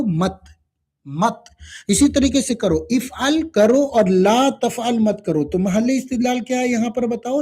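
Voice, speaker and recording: A man teaching a live online lesson, spelling words letter by letter and drilling phrases slowly. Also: high-pitched, dark tone. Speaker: English teacher.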